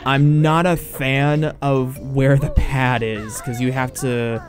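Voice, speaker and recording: A man giving casual gameplay commentary as a let's play host, rambling and halting with many fillers and restarts. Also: mid-range voice, level tone, faint music behind.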